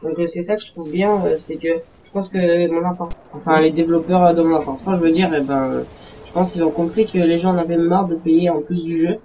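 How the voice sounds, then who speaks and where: A man's voice: fairly high pitch, fairly even intonation, fairly quick, slight background noise. A man giving casual gameplay commentary as a voice-over, rambling hesitantly with many fillers and self-corrections. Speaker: gaming video maker. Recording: dull lo-fi home recording.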